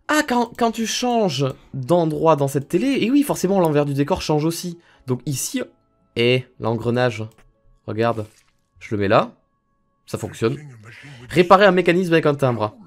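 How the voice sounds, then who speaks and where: A man from France giving excitable, chatty let's play commentary, reacting aloud to a video game. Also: a little high. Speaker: gaming video creator.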